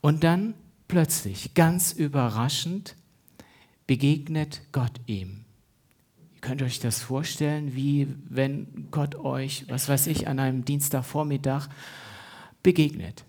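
Langsam predigender Mann. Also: male voice, medium pitch, darkish tone, slightly rough. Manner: unhurried, reads scripture aloud with small slips. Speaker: preacher. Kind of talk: sermon.

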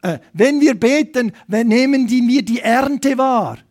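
High-voiced, emphatic male preacher. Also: lively intonation, measured pace. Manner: emphatic, swings between loud appeals and quiet asides; asks the audience questions directly. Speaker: evangelist preacher. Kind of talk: lively sermon to a congregation.

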